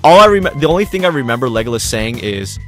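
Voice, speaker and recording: A man's voice: mid-range voice, big pitch swings, fast, a bit bright, faint music behind. Playful young male podcast host. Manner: playful, teasing, laughing. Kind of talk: casual chat.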